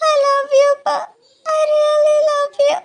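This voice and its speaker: A woman voicing a squeaky cheeky young bride. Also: moderate pace. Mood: crying. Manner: cheeky, bubbly. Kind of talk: cartoon voice acting.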